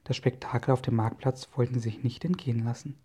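A man narrating a children's adventure story in a steady storytelling manner. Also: medium pitch, fast, slightly rough. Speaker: audiobook narrator.

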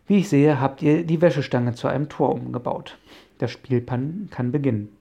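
A friendly, patient inventor professor explains his machines in a dark, gravelly voice, as a man reads him in an audiobook. He speaks calmly and obligingly, like someone happy to show off his work. The tone stays even and mellow throughout. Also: medium pitch, normal speed. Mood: explaining. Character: friendly middle-aged male inventor professor. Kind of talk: audiobook character voice.

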